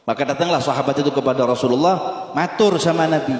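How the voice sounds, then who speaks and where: A male preacher, telling a story in a sermon with lively acted voices. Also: mid-range voice, fast. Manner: animated, acts out voices in stories. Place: large hall at a religious school gathering. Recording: echoey hall reverb. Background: long hall reverb.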